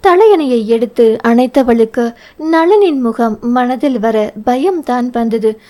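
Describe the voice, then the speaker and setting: A woman's voice: on the high side, slow pace, mellow. A woman with a Tamil accent reading a novel aloud as an audiobook narrator, voicing the dialogue in much the same voice as the narration.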